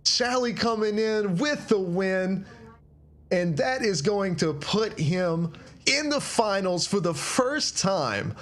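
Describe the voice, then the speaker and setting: A man giving folksy, high-energy play-by-play commentary on a virtual drifting event from his desk. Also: animated, slow pace, a bit bright. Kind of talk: live sim racing commentary. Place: home desk.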